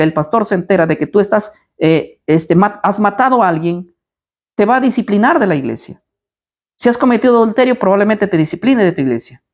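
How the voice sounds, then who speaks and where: A man's voice: high-pitched, lo-fi sound. A man preaching at a live Bible study, combative and blunt, firing rhetorical questions at his listeners.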